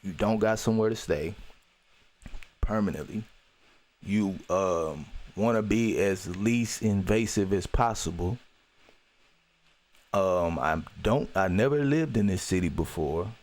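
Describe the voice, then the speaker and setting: A man with a low voice talks through a personal story on his podcast, earnest and reflective. His speech is loose and conversational, full of "you know" and restarts. He comes back to key phrases to drive them home. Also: measured pace, pauses often, darkish tone. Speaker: podcast host.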